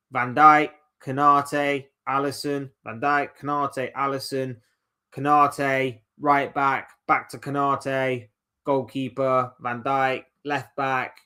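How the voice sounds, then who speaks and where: A man's voice: mid-range voice, sharp tone, clear, resonant tone. A man hosting a casual solo football chat, rambling and opinionated, reeling off players one by one. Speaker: football channel host.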